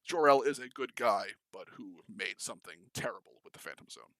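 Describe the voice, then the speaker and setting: A man's voice: fairly low pitch, lively intonation, fairly quick, fairly bright tone, dry recording. A young man co-hosting a podcast, talking casually and enthusiastically about films, rambling with many fillers and restarts. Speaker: podcast co-host. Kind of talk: casual film discussion.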